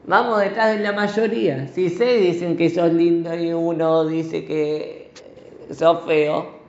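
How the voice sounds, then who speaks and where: A man with a Rioplatense accent voicing a group of flattering royal ministers who coax their king. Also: on the high side, slow pace. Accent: Rioplatense Spanish. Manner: coaxing, persuasive reasoning. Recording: roomy, slightly dull recording.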